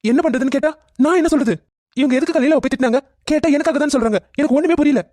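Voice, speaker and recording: Fast-talking angry cartoon son, voiced by a woman. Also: high-pitched, warm tone, dry recording, studio quality, close to an everyday voice. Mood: explaining. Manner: demanding, rapid questioning. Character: angry young adult son confronting his mother. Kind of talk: cartoon family drama voice acting.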